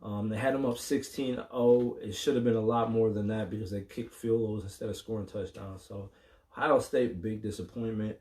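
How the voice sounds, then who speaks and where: A man's voice: on the low side, fairly even intonation, moderate pace, mellow. Frank casual man talking sports. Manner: frank, hesitant with many ums, mildly profane. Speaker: sports talk host.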